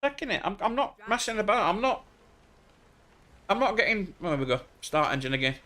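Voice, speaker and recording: A man's voice: high-pitched, sing-song, fairly quick, pushed and bright. An English man streaming a truck driving game, chatting casually with crude, joking banter. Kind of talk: casual gaming chat.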